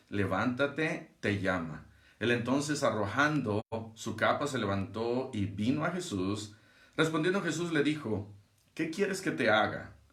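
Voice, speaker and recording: A man with a mid-range voice delivers a devotional sermon at an unhurried, measured pace. He reads scripture and then preaches on it with emphatic retelling. The room around him rings with noticeable echo. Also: medium pitch, a bit bright. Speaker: pastor. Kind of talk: devotional Bible reading and sermon. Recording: roomy echo.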